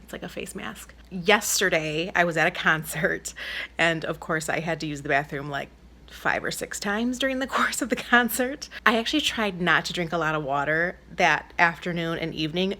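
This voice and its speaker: Bright-voiced woman vlogger chatting casually. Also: lowish voice. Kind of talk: casual video diary chat.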